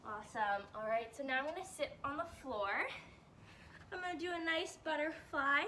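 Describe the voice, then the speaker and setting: A young woman teacher leading warm-ups and stretches for kids, upbeat and a bit out of breath, checking in often. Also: high-pitched, lively intonation, normal speed, distant mic, slight background noise. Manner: upbeat coaching, checks in with "all right?". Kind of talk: guided exercise instruction.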